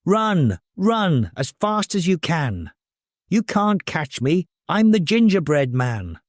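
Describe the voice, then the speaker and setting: A cheeky little gingerbread man, acted out by a man for a storybook fairy tale. The voice is pitched up and lively, with a boastful, taunting lilt. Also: unhurried, no echo, clean studio sound. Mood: cheeky boasting. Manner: taunting, sing-song.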